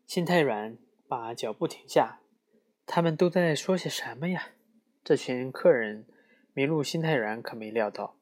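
A man reading a rhyming children's picture book aloud in a lively, expressive way. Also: medium pitch, measured pace. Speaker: storyteller.

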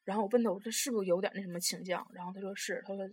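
A young woman, telling a story in casual chat, rambling and animated with lots of restarts. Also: medium pitch, racing, husky. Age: young adult.

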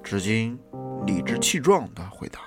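A storyteller narrating a children's picture book in a gentle, expressive reading voice. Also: mid-range voice, moderate pace. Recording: music playing behind the reading.

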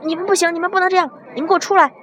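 A woman voicing an angry middle-aged male taxi driver who shouts and bullies. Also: very high-pitched, steady tone, rapid-fire, a little hiss or hum, pitched above the performer's own voice. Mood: demanding. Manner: shouting, bullying.

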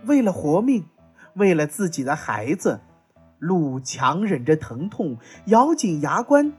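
A woman teacher narrating a children's story in an expressive, lilting storytelling voice. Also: low voice, unhurried, breathy edge, faint music behind.

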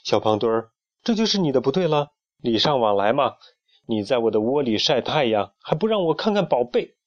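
A man voicing a curious, nosy male bird who exclaims with drawn-out wonder. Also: medium pitch, very animated, natural voice. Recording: dull lo-fi recording.

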